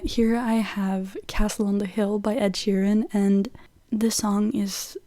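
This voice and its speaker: This casual chat comes from a young vlogger from Norway whose Norwegian accent colors her talk as she runs through a list of songs, leaning heavily on "like" as a filler. She speaks at a medium pitch with a dark timbre, and there's no room sound at all.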